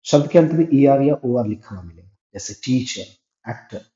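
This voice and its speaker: Teacher with a dark, echoey voice. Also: male voice, medium pitch, expressive, normal speed. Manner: explains step by step, asks and answers his own questions. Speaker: English grammar teacher. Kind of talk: classroom-style grammar lesson. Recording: echoey room, dull lo-fi sound.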